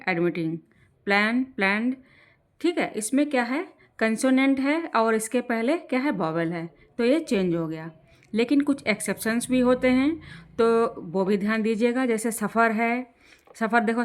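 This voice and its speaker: Female teacher with a higher voice, giving an exam-prep grammar lesson and stopping often to check in. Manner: explains in Hindi, slows down to read English rules aloud; repeats "ठीक है" to check in with learners.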